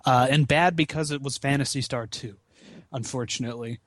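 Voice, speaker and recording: A brisk, mid-range male voice, clean studio sound, no room sound at all. He's a podcast guest in his twenties and a gaming marathon runner, rambling casually about video games with plenty of profanity and slangy digs at himself.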